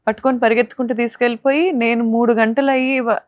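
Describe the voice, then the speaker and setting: A woman's voice: a little high, steady tone, fast talker, no room sound, studio quality. Indignant young woman. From Andhra Pradesh, India. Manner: indignant, impassioned, rhetorical questions. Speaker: interview guest. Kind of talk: emotional interview testimony.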